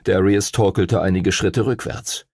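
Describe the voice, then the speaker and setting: A man narrating a children's adventure audiobook in an expressive, lively way. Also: deep voice, unhurried, breathy edge, dry recording, clean studio sound. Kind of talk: scripted narration.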